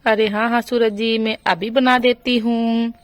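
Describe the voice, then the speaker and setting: A woman's voice: a little high, flat delivery, unhurried, no echo, pitched below the performer's own voice, lightly acted. A woman voicing a young village wife and mother in a doll storybook, with a pleading, frightened manner. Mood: obliging. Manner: pleading, crying for help.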